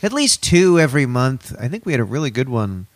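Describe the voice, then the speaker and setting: A man's voice: medium pitch, big pitch swings, brisk, no echo, clean studio sound. A man co-hosting a comedy podcast, speaking in a casual, conversational style. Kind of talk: casual chat. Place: warehouse used for recording.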